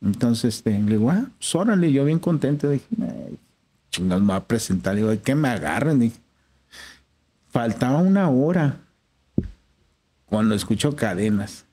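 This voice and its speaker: Male guest, Mexican accent, warm, even pitch, slangy storyteller. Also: normal speed, pauses often, slightly rough. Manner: slangy, acts out quoted dialogue. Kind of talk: casual storytelling.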